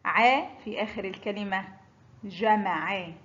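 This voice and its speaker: A woman gives a pronunciation lesson, drawing out every letter and example word at a very unhurried pace. Her voice sits a little high. The sound is slightly dull and lo-fi. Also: a bit bright. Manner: pronounces each letter and example word slowly and distinctly. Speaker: Arabic teacher. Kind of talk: slow, deliberate pronunciation lesson.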